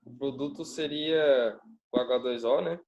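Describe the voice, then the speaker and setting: A man's voice: medium pitch, measured pace. A male student on an online call whose audio keeps breaking up, answering hesitantly as he works it out aloud. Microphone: video call. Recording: muffled noisy online call.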